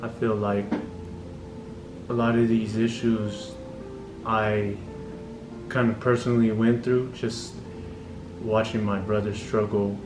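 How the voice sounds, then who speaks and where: A man's voice: fairly low pitch, little pitch movement, takes it slowly, far from the mic. A young man from California's Central Valley, a community college student, giving a hesitant, unscripted testimonial with frequent ums. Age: young adult. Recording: roomy, off-mic, music underneath.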